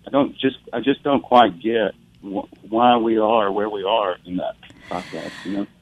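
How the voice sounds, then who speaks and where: A man from Mississippi calling in to a radio show over the phone, earnest and halting, searching for his words. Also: lowish voice, slight background noise. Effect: heard over the phone. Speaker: radio call-in caller. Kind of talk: call-in commentary. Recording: tinny phone line, dry.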